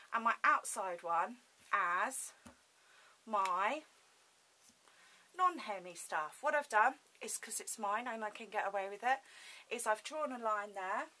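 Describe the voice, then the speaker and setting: Her voice is a little high and sharp as she demonstrates sewing indoors at a home sewing table, casually talking through her thoughts. She speaks toothlessly with her lips over her teeth, on a hissy home recording.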